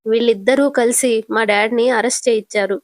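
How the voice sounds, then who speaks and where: A woman's voice: fairly high pitch, steady tone, fairly quick, no echo, natural voice. A woman voicing a resentful young woman who plots to split a couple. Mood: scheming. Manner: scheming, resentful. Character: scheming young woman plotting against a couple.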